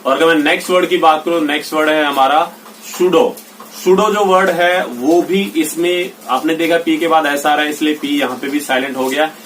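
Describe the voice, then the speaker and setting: A male teacher giving a spoken grammar lesson, slowly reading out English example sentences one by one. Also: on the high side, fairly even intonation, a bit bright, far from the mic, a little hiss or hum. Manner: explains slowly, reads English examples out deliberately. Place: indoors with rain heard outside. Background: rain.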